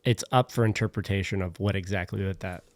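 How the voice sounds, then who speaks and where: A man's voice: low-pitched, fairly even intonation, fast, dry recording. A man co-hosting a casual podcast, chatting and joking, laughing often and sometimes reading passages aloud. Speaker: podcast co-host. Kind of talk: casual chat.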